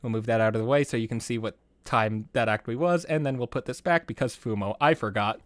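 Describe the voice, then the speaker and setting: A man casually talking through the making of his own videos, rambling, trailing off and restarting, with bursts of excitement. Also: medium pitch, fast, no room sound, clean studio sound. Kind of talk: casual behind-the-scenes commentary.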